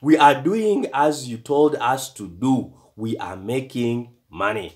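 A man's voice: mid-range voice, expressive, takes it slowly. A man voicing an eager, earnest young boy in a read-aloud story.

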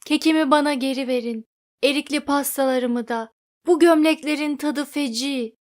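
A woman's voice: sits high, steady tone, normal speed, lightly acted. Lady doing a whiny talking oven pleading for its cakes back, storybook. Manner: begging. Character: pleading kitchen oven, distressed.

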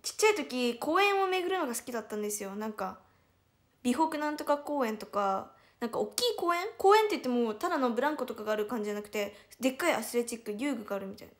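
A woman's voice: fairly high pitch, animated, fast talker. A young woman with a Hiroshima accent chatting casually on a livestream. She giggles often and answers viewers' comments one by one. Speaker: idol livestreamer.

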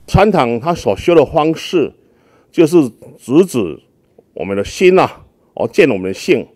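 A man, an abbot, explaining Buddhist practice in an interview, with a gentle teaching tone and frequent drawn-out fillers. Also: on the high side, very animated, no room sound, clean studio sound.

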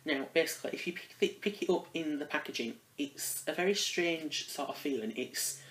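A man's voice: on the high side, normal speed, fairly bright tone. Hesitant man talking in an echoey room. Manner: rambling and hesitant, often restarting phrases. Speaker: product reviewer. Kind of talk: casual spoken review. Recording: roomy echo.

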